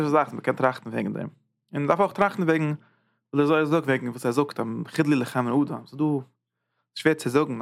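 Gravelly man giving an animated lecture. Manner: animated, with sudden rises in pitch and repeated phrases. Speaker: religious teacher. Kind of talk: informal text lecture.

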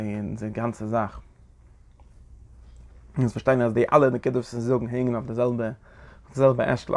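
Guy giving a torah class, gravelly voice, animated, keeps asking "ja?". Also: mid-range voice. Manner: animated lecturing with frequent questions to listeners. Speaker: Torah teacher. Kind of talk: Zohar lesson.

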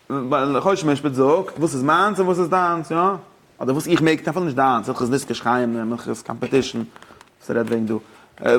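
Ein Mann hält einen lebhaften Lehrvortrag über religiöses Recht, mischt Deutsch, Englisch und Jiddisch und stellt seinen Zuhörern Fragen. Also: male voice, medium pitch, vocal fry. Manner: mixes German, English and Yiddish with rabbinic terms; poses questions to listeners. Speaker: teacher of religious law. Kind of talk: lively study-hall lecture.

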